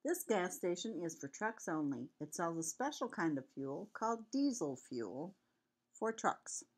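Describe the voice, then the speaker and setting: A woman's voice: fairly low pitch, very animated, unhurried. An older woman, a sweet grandmother with a cold, reading a children's picture book aloud in a homely, chatty way. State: has a cold with cough.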